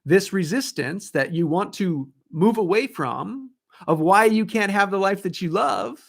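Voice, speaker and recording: High-voiced man giving a motivational talk. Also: expressive, measured pace, creaky. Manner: emphatic, asks rhetorical questions, acts out inner thoughts. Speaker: motivational coach.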